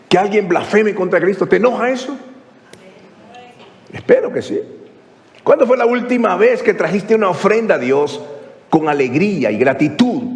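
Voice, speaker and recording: A male pastor preaching a sermon, asking rhetorical question after question and swinging from hushed to exclaiming. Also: on the high side, vocal fry, in a large hall. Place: church.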